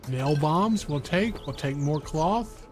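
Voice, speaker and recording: A man's voice: a little high, lively intonation, slow, over music. A man streaming a video game, chatting casually and making wry remarks as he explores. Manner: chatty, wry, thinks aloud. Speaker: gaming streamer. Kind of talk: casual let's-play commentary.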